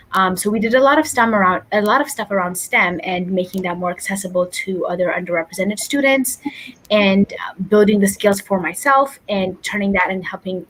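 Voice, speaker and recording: A woman's voice: mid-range voice, a bit bright. A young woman from Ethiopia speaks as a talk show guest in a mid-range voice. She answers the host's questions earnestly and reflects on each point as she goes, heard over a video call. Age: young adult. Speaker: guest, incoming college student. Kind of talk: interview answers.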